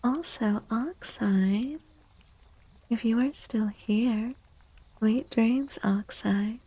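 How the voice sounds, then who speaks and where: A fairly high-pitched woman hosts an ASMR stream, her breathy, mellow voice frequently falling to a whisper. She goes slowly and gently, with some creak, and repeats little phrases to calm listeners. The low-quality recording has no echo.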